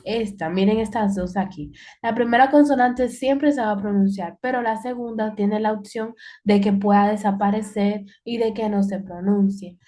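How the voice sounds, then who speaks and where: A woman's voice: medium pitch, fairly even intonation, normal speed, few pauses, mellow. A woman teaching English in an online class, explaining patiently and repeating key points.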